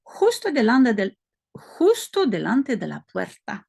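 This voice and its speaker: Belgian French woman teaching, slow deliberate delivery, fry in the voice. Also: fairly high pitch, wildly swooping pitch, darkish tone. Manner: slow, careful, self-correcting, explaining as she goes. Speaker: language-learning video host. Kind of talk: reading practice dialogue aloud.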